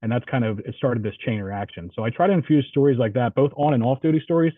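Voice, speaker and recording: A man's voice: medium pitch, animated, fast talker, no echo. A man with a New Jersey accent, a police instructor telling a story in a panel answer, talking in a conversational way with restarts. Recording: far from mic, tinny phone-like line.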